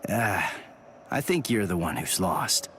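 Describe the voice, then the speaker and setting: A man's voice: deep voice, animated, slow pace, noisy background. An actor playing a determined teenage swordsman hero in an anime game dub, blunt and impatient. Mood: dry puzzlement.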